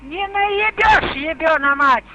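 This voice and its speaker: A woman's voice: high voice, slow, sharp tone. An elderly woman arguing on the phone in a suspicious, combative, foul-mouthed manner. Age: older, elderly. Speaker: prank call victim. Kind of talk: argumentative phone talk. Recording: phone call with faint noise.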